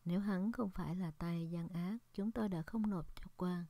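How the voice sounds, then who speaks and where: Angry accusing crowd, read by a woman; insistent, low, dry. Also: normal speed, dark tone, no room sound. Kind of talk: Scripture reading.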